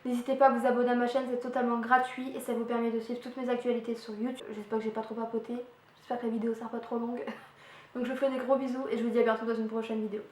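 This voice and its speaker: A woman's voice: a little high, level tone, racing, a little mellow. A young woman chatting casually through a beauty product review, with lots of fillers and little playful sound effects, recorded on a camera mic at home. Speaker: beauty vlogger. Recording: echoey room with faint hiss.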